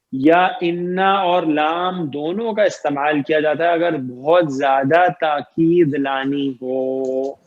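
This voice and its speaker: A man whose voice sits on the high side teaches Arabic grammar online, drawing out important terms and constantly quizzing students. "ٹھیک ہے جی" and "صحیح ہے جی" come up again and again, and the audio sounds muffled.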